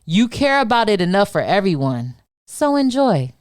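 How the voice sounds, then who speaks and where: A woman's voice: medium pitch, sing-song, normal speed, a little mellow, no echo, clean studio sound. A woman from Detroit, a podcast guest, reading a spoken word poem in a defiant, rhythmic delivery. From Detroit, USA.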